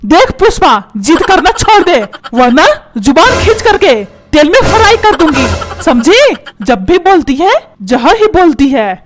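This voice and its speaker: A woman's voice: very high-pitched, big pitch swings, measured pace, over music, exaggerated voice. A woman voicing a short-tempered, stingy middle-aged father in a cartoon, scolding and barking orders. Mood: angry scolding. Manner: scolding, shouting orders, repeats words mockingly. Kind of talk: cartoon comedy voice acting.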